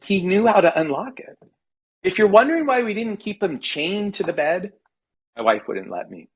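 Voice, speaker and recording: An American man from California reads his own comic personal essay aloud, wry and mock-dramatic. His voice is high with big pitch swings, at normal speed and slightly rough. The recording sounds muffled.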